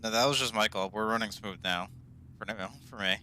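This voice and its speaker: Fast-talking man teasing in game chat. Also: fairly low pitch, bright, forceful tone, slight background noise. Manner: teasing, reassuring, gives tips. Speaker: squad member in team game. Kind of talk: gaming voice chat.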